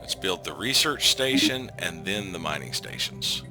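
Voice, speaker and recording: A man's voice: low voice, very animated, moderate pace. A man giving casual gameplay commentary as a let's play host, thinking aloud and trailing off into frequent ums. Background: game music.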